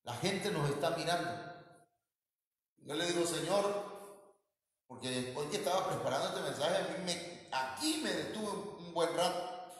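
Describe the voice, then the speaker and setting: A man with a Mexican Spanish accent preaching a sermon as pastor, with animated delivery that climbs high for emphasis. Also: normal speed, pauses often. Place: church hall. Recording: echoey hall.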